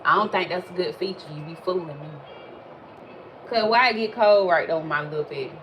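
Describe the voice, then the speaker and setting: A woman, chatting casually while reading tarot cards, animated and swearing freely. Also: on the low side, moderate pace, highs cut off, a little hiss or hum. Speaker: tarot reader. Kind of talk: casual livestream chat.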